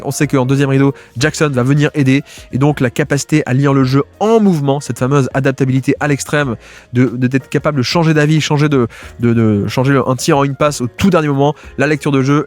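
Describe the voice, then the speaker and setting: A man talks through basketball game footage at a rapid clip, stumbling over restarts and fillers as he goes. His voice sits at an ordinary middle pitch. Light music runs faintly underneath. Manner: fast, filler-heavy, restarts a lot. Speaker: basketball video analyst. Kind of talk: film-breakdown commentary.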